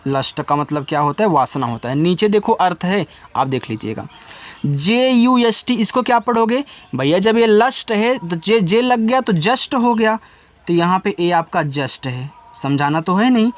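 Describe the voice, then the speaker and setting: High-voiced man teaching English reading. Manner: spells words letter by letter, then repeats meanings. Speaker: English tutor. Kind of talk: spelling and reading lesson.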